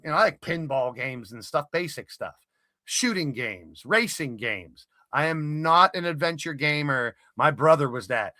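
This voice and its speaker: Bright-voiced man hosting a live stream. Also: on the high side, no room sound, studio quality. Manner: conversational, explains things step by step with many fillers. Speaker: stream host. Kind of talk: casual live-stream chat.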